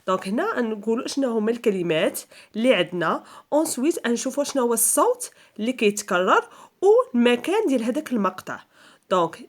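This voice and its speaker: A woman with a Moroccan accent teaching a school lesson for young children, explaining step by step with patience and stretching out example words slowly and repeating them. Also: a little high.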